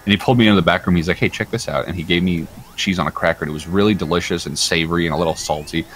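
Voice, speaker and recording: A man's voice: deep voice, steady tone, rapid-fire, slight background noise, low-quality recording. A man hosting a game livestream, telling a rambling, crude story while chatting casually. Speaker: livestream host.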